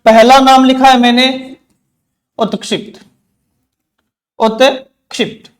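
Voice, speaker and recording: A man's voice: very high voice, level tone. A man teaching an exam-prep grammar lesson, repeating key terms and asking questions back to his students. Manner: says terms slowly, one by one.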